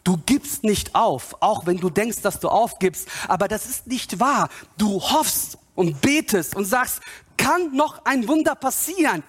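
Impassioned husky male preacher. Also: lively intonation, unhurried, few pauses. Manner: impassioned, swings between loud appeals and low voiced asides. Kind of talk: sermon.

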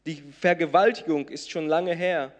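A man from southern Brazil, preaching a sermon, swinging between loud emphatic peaks and soft intimate lines. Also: a little high, steady tone, moderate pace. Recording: long reverb of a large hall.

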